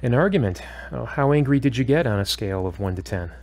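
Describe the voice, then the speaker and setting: Attentive and probing, a man in a scripted audio drama voices a calm but firm therapist, speaking in a measured, instructive, questioning way with a mid-range voice.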